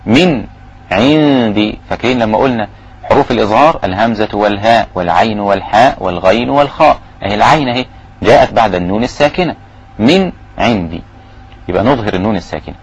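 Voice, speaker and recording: A man with an Egyptian accent teaching Quran recitation, giving quick explanations broken by slow, drawn-out recited phrases. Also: fairly low pitch, slightly rough. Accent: Egyptian Arabic. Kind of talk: recitation lesson.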